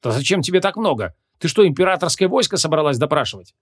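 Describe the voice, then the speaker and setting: A man voicing a hot-tempered ancient male archmage, gruff and imperious, in an audiobook. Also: a little high, expressive, fast, voice pushed up.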